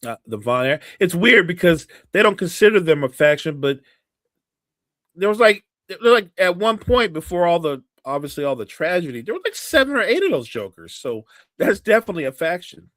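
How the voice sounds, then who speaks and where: A man co-hosting a podcast in casual chat, talking haltingly with many restarts and fillers. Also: high-pitched, big pitch swings, fairly bright tone, no echo. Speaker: podcast co-host. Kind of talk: casual chat about wrestling.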